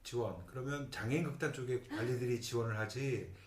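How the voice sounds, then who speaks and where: A man's voice: medium pitch, brisk. A man hosting a talk show, asking guests questions in an easygoing way and giving frequent short agreeing noises. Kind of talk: casual interview chat. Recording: echoey room, mic at a distance.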